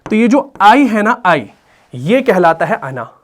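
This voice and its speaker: A man's voice: sits high, very animated, measured pace. A man with an Urdu accent teaching Quran reading rules in a patient explanatory lesson, often checking that his students understand. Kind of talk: explanatory lesson with slow chanted recitation.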